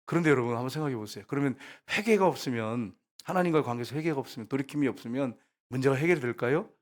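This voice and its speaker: A man's voice: medium pitch, racing. A man preaching a sermon as pastor, putting rhetorical questions to the congregation.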